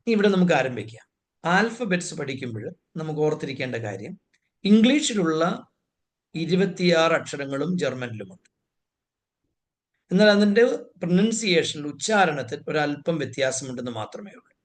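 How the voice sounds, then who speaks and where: A man's voice: fairly high pitch, big pitch swings, moderate pace. A man teaching a language lesson, saying each letter sound twice and explaining it patiently. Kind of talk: slow, step-by-step lesson explaining pronunciation.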